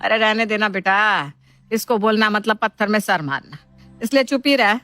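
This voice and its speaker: A woman voicing an older mother-in-law in an animated family story, slow and grumbling. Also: mid-range voice, no echo, soft background music, natural voice.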